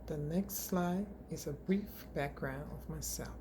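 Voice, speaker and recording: A woman's voice: low-pitched, a little slow, noisy background. A woman from Liberia in her forties, a graduate student reading a class presentation from slides with small restarts.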